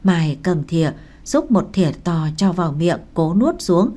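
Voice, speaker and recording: Woman, audiobook narrator, calm measured storytelling, lowish voice, mellow tone. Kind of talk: scripted novel narration.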